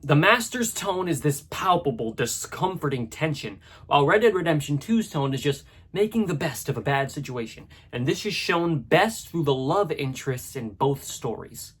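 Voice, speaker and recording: A man with a husky voice narrating a scripted video essay in a conversational, analytical way, with casual asides. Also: on the high side, very animated, moderate pace, few pauses.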